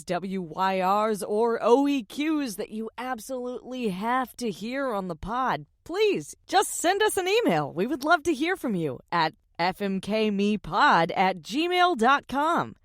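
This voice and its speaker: A woman's voice: fairly high pitch, dry recording, studio quality. A woman podcast host reading the outro of an episode in an upbeat, playful way.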